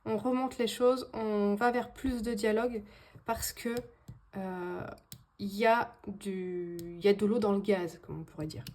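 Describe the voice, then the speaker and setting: A woman's voice: mid-range voice, fairly even intonation, measured pace, a little mellow. Hesitant woman reading tarot. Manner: hesitant, many fillers and restarts. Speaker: tarot card reader. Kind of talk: casual tarot reading to viewers.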